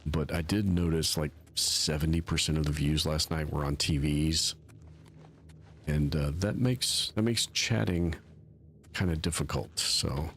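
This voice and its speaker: Deep gravelly male game streamer. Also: a little slow, a bit bright, slight background noise. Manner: rambling, self-mocking, talks to chat. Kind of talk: casual live-stream commentary.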